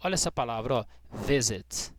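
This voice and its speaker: A Brazilian man teaching English grammar to students, patient and checking in often with short questions, spelling out letters slowly. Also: mid-range voice, animated, creaky, a little hiss or hum. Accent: Brazilian Portuguese. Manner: spells out letters slowly, stressing key words. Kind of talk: explaining grammar rules to students.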